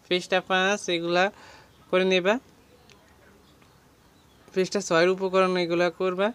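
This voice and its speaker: Flat-toned man teaching exam prep. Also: high voice, smooth. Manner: walks page by page through a textbook, listing words and meanings. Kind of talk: exam guidance lesson.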